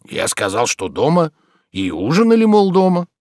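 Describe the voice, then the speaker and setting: A man's voice: on the high side, wildly swooping pitch, normal speed, darkish tone, dry recording, voice pushed up. A man reading an audiobook, voicing a stubborn, sly old male servant who grumbles with dry irony. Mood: grumbling. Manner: grumbling, ironic.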